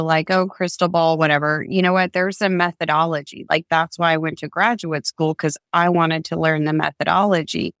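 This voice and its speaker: Female host, lowish voice, dry sound, eager and talkative. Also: a bit bright, no room sound. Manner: enthusiastic, chatty, lots of "like" and "you know". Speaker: podcast host. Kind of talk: casual interview talk.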